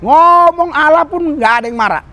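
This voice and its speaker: A man's voice: very high-pitched, expressive, fairly quick, pushed and bright. A man preaching a sermon to a congregation outdoors under a bridge, exhorting them and calling for their amens and hallelujahs. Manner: exhorting, calls for amen and hallelujah, addresses the crowd as "saudara".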